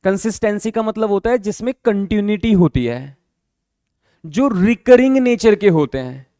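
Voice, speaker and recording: A man with a fairly high voice teaches accounting as a classroom lecture, explaining patiently and repeating the key terms. He keeps stopping to ask whether the students have understood. The recording is close and dry, with no room echo. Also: lively intonation, normal speed, dark tone.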